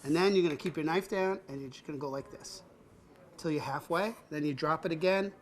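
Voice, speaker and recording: This man's voice runs a little high and a little fast. Hosting a cooking show, he teaches a child to cook with playful banter, joking, laughing often, and calling the kid "buddy."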